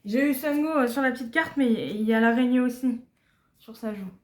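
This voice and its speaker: A young woman chatting casually as she unboxes albums, giggling often and muttering asides softly. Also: fairly high pitch, brisk. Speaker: unboxing vlogger. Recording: echoey room, faint background noise.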